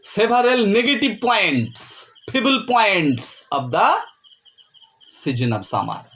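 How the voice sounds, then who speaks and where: A man teaching a poem. He speaks with heavy emphasis, spells words out letter by letter and checks in with "Clear?". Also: high-pitched, sing-song, slow, fairly bright tone. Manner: ends points with a rising "Clear?". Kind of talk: poetry lecture.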